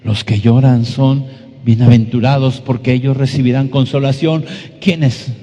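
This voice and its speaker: Male pastor, mellow high-set voice, sermon delivery with rhetorical questions and slow emphatic low drops, long church-hall reverb. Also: fairly even intonation.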